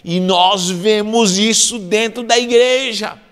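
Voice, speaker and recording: A man's voice: high-pitched, slow pace, fairly bright tone, clear, resonant tone. A man preaching a fervent sermon as a pastor, breaking into frequent exclamations of praise. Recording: long reverb of a large hall.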